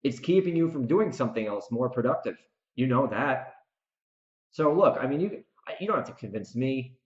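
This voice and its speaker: An American podcast host and author rants casually and emphatically on his solo show, speaking straight to the listener with strong opinions. His mid-range voice is expressive at a moderate pace, and the room recording sounds dull and echoey.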